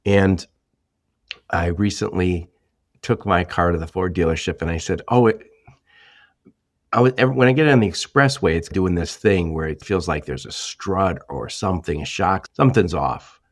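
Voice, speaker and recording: A man hosting a podcast interview, chatting casually and telling stories with animated asides. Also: deep voice, normal speed, no echo, clean studio sound. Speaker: podcast host.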